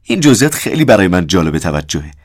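A man's voice: low voice, sing-song, no echo, studio quality. A man voicing a young male lexicographer who speaks eagerly and coldly about gruesome details. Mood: relishing. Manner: bright, keen, relishing gruesome detail.

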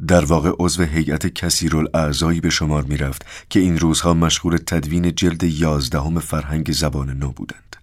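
A man reading a novel aloud as an audiobook narrator, in an even, measured way. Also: a bass voice, dry recording, studio quality.

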